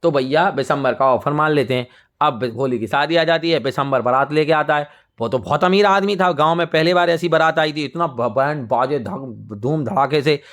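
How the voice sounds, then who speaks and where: A young adult male teacher retells a textbook story to students. His voice sits a little high for a man, and he talks in a lively, chatty way, slipping into the characters as he goes. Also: normal speed. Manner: lively, conversational, acts out characters. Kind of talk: storytelling lesson summary.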